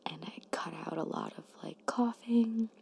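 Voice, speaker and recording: A soft-spoken woman doing ASMR in a breathy, slightly hoarse near-whisper, chatting hesitantly and informally. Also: on the low side, moderate pace. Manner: hesitant, self-conscious, informal. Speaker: ASMR creator. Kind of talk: soft-spoken ASMR, rambling chat and reading facts. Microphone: microphone at close to moderate distance.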